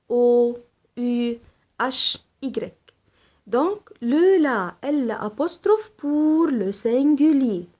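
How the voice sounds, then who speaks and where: A woman's voice: sits high, darkish tone. A woman teaching a French grammar lesson, spelling out letters and listing examples one by one. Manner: switches between French, Arabic and English to explain. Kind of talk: slow, deliberate classroom lesson.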